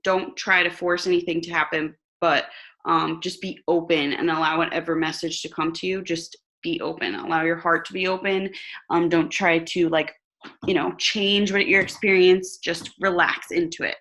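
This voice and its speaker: A woman with a slightly low voice leads a meditation session. She addresses her group in plain, informal language, guiding them as a teacher would. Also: little pitch movement, normal speed, fairly bright tone. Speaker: guided meditation leader. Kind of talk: casual chat with a group before a meditation; slow guided meditation from line 81.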